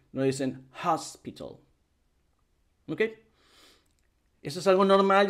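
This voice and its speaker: Slow-speaking man teaching English. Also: on the high side. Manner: drills example words over and over, checking in with "ok?". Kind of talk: explaining an English grammar lesson.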